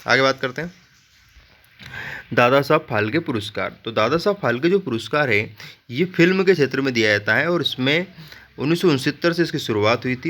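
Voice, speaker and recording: A male teacher walks students through memory tricks for a general knowledge lesson. His voice is bright and forceful, and he often breaks off into joking asides. He keeps checking in with the class as he goes. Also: medium pitch. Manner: repeats "ठीक है" as a check-in.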